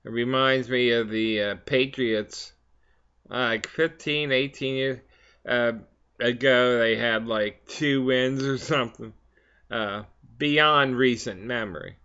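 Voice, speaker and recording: A man talks at an unhurried, slow pace in a medium-pitched voice, pausing and hesitating as he goes. He sounds like a pipe smoker chatting casually between puffs. The recording is a little dull and lo-fi. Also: bright, forceful tone, smooth. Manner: halting, hesitant delivery with frequent long pauses. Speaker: vlog host. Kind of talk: casual rambling pipe-and-chat monologue.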